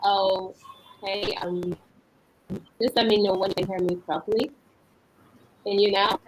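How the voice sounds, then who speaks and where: A woman's voice: mid-range voice, steady tone, unhurried, a little hiss or hum. Woman on a muffled call, through a wall. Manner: brief, cooperative replies. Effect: muffled audio, as if through a wall. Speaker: guest speaker. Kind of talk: sound check on a video call. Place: remote video call.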